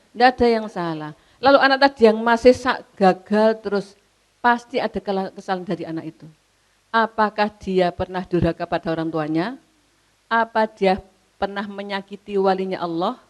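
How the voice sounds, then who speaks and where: An older woman with a Javanese accent giving a religious lecture, answering a question in an animated way and reciting verses slowly. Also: mid-range voice. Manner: animated, mixes in local dialect, laughs, recites verses slowly. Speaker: preacher.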